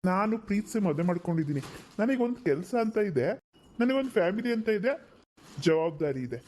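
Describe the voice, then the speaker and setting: A man's voice: high voice, very animated, fairly quick, darkish tone, a little hiss or hum. A man voicing a stern elder brother in a cartoon, lecturing his sister about marriage. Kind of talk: cartoon voice acting.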